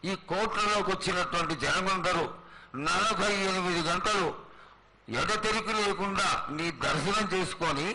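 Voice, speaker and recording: A man addressing a goddess as a priest, formal and reverent, in measured short phrases. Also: sits high. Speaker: priest questioning the oracle. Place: live temple festival ceremony. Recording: noisy live festival sound.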